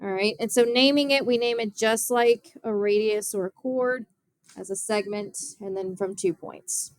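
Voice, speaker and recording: A woman's voice: medium pitch, normal speed, dry recording. A young woman math teacher giving a classroom geometry lesson, explaining step by step and often asking her students questions.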